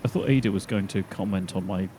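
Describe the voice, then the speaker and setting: A man's voice: sits low, quick pace, warm tone. A man chatting playfully while playing a building game with a friend. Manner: chatty, playful, self-mocking. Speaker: co-host and player. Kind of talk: casual gameplay chat. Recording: noisy background.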